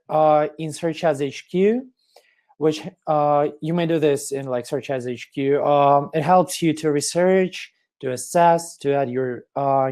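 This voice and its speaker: A man presenting an online webinar, explaining step by step with many fillers, his voice getting hoarse. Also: fairly high pitch, dark tone. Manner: explanatory, step-by-step, with frequent fillers and throat clearing.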